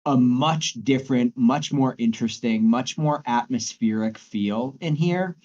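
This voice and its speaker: A man's voice: mid-range voice, measured pace, darkish tone, muffled recording. A man co-hosting a podcast, chatting casually about music with frequent restarts and repeated words. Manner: hesitant, repeats words while thinking. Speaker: podcast co-host.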